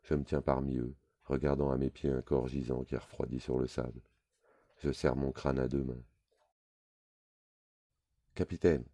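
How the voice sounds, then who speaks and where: A man reading a literary story aloud in a measured, low, intimate way. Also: completely flat delivery, vocal fry, dark tone. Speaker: reader.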